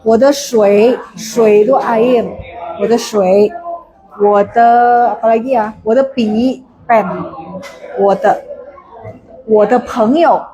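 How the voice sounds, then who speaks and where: A woman teaching Mandarin in an online class, patiently explaining and modeling polite phrases slowly. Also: on the high side, fairly even intonation, warm tone, low-quality recording. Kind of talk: online language lesson.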